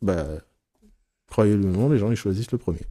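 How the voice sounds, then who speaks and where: A man leading a casual teaching session for therapists, frank and animated, swearing casually and acting out his examples. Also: lowish voice, a little fast. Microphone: recorded live session, on YouTube.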